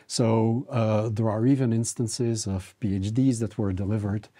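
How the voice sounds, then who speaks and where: An older man being interviewed as an academic, speaking in a thoughtful, halting way with many restarts. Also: lowish voice, fairly even intonation, warm tone, no room sound, clean studio sound. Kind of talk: reflective interview talk. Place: university office.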